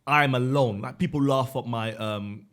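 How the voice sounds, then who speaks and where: A man's voice: mid-range voice, a bit bright. A young man, boasting and joking in casual banter on a podcast. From Islington, London. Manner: boastful, joking, quick to laugh. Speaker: podcast guest, comedian.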